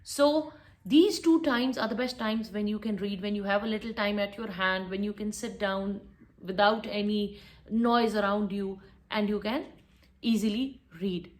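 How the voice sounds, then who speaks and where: A woman's voice: mid-range voice, a little slow. A woman giving a spoken English lesson, firm and instructive, repeating her key points. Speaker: English teacher.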